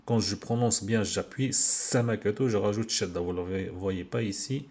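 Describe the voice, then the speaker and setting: A man's voice: lowish voice, moderate pace, darkish tone. A man giving an informal video lesson on Arabic letters, patiently repeating words for learners, recorded on a handheld phone. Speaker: Arabic teacher.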